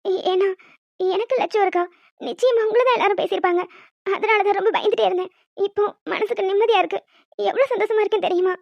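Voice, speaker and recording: An earnest young wife from a cartoon, heartfelt and close to tears, with a high voice. The sound is dry and a little dull. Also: female voice, fairly even intonation, quick pace, gravelly, no room sound. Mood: tearful. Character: emotional young wife, tearful and joyful.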